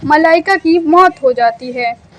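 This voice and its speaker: A woman narrating a cartoon story in a steady, scripted storytelling manner. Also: high-pitched, slow, slight background noise.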